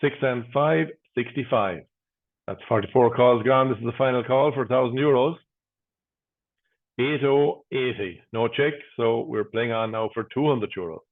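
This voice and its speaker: Irish male bingo caller, thin phone-like sound. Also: mid-range voice. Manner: measured singsong bingo-caller patter. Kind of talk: bingo calling, paired digits and nicknames. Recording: phone-like, narrow-band sound.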